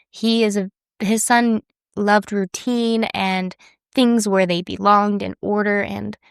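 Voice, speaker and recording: A woman with a stuffy, congested voice tells a true crime story in a relaxed, chatty way, and the tone underneath still comes through smooth and clear. The sound is dry and close, with no room around it. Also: mid-range voice, no echo. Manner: conversational, with fillers and restarts. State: congested from a cold. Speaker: podcast host.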